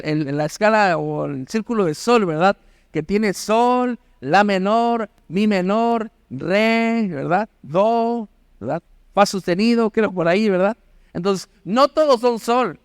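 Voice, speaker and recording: A pastor with a fairly high, smooth voice delivers a Sunday sermon to his congregation. He keeps checking in with the listeners, tagging short phrases with quick questions. The sound is dry, with little room echo. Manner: asks the congregation constant questions. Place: church auditorium.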